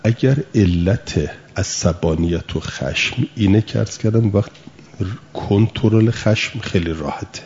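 Deep-voiced man teaching a patient lesson. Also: a little mellow, dull audio, a little hiss or hum. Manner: patient explaining with everyday examples and rhetorical questions. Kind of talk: spoken lesson.

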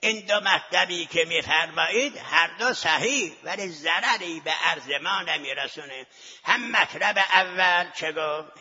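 A man's voice: a little high, sharp tone, breathy edge. A man teaching seminary students in a scholarly lecture, arguing his point and posing rhetorical questions to the class. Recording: lo-fi recording with long hall reverb.

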